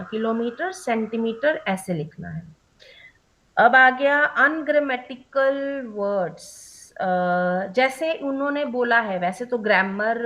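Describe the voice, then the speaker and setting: Brief: young woman trainer, slightly high voice, patient step-by-step explainer who keeps checking in, drops English terms into her speech. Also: a bit bright, poor audio. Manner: mixes English terms into Hindi. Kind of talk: online training session.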